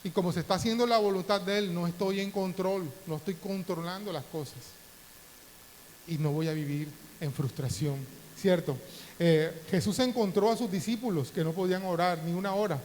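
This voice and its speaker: Man, pastor, middle-aged, from the Dominican Republic, high voice, faint hiss. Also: normal speed, darkish tone. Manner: preaching with emotional swings, voice rising in prayer. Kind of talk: sermon. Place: church hall. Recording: faint hiss, long church reverb.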